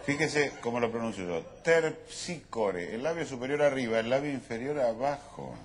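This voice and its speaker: An actor playing a smug, pedantic scholar in a live comedy sketch, lecturing about pronunciation. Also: male voice, mid-range voice, close to an everyday voice. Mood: pompous. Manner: pompous, lecturing, drawn-out pronunciation. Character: pedantic learned male scholar, smug and fussy. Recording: live show with background noise.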